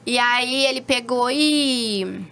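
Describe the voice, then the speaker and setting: A woman in her thirties, a holistic therapist as an interview guest, telling a personal story and acting out what people said with sudden high exclamations. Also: takes it slowly, sharp tone, slight background noise. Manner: acts out quoted speech with sudden high exclamations.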